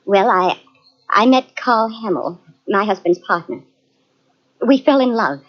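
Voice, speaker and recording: An actress with an expressive mid-range voice portrays a tense, defensive widow of wealth who is under suspicion, stumbling over her words. The 1940s radio drama comes through as a dull lo-fi old recording.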